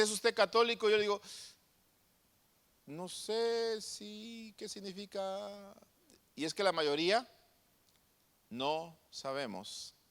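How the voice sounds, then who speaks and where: A high-voiced man preaching a sermon, leaning hard on his points and throwing rhetorical questions at his listeners. His voice is bright and forceful. A long reverb rings around him.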